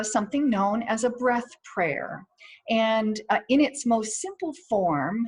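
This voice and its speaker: A woman chaplain offers informal spiritual guidance at a middling pitch. She is gently instructive and reassuring, and she pauses now and then to find the right word. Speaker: chaplain giving a weekly wellness tip. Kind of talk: informal spoken guidance on breath prayer and spirituality.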